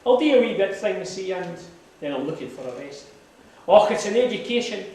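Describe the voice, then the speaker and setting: A man with a broad Scottish accent recites comic dialect verse to a gathering. His voice sits slightly high and comes from a distance in a heavily reverberant room, with faint noise behind it. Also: animated, a little fast, a little mellow. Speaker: amateur poetry reciter. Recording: very echoey hall, distant mic, noisy.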